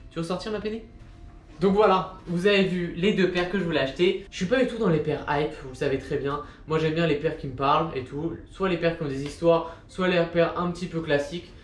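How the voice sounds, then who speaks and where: A man's voice: a little high, steady tone, fairly quick, hardly any pauses. Chatty young man in an echoey room. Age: 20s. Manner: rambling, chatty, self-mocking asides. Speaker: sneaker vlogger. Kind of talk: casual vlog chat. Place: indoor room with a machine running. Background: machine noise and soft music.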